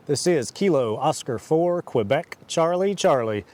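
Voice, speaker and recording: A man operating an amateur radio outdoors in a park, making a ham radio call and spelling out his call sign in phonetic alphabet with a steady, repetitive procedure cadence. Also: fairly high pitch, measured pace.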